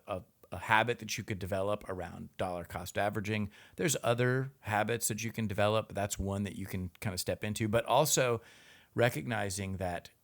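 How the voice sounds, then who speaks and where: Low-voiced man hosting a podcast. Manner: dry teasing, relaxed asides. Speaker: podcast host. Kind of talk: casual podcast chat.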